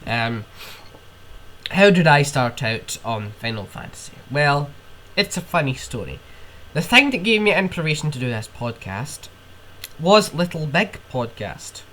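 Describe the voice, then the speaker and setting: A man's voice: on the high side, sing-song, normal speed, sharp tone, slight background noise. A young man with a cold, hosting a podcast on his own and ranting in rambling, casual chat, with sniffs and swearing. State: ill with a cold. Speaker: podcast host.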